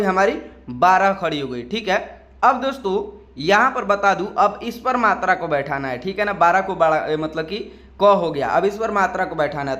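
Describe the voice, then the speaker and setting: High-voiced man teaching letters. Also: a bit bright. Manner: repeats "ठीक है ना" often; slow, drawn-out letter-by-letter recitation. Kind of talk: step-by-step lesson.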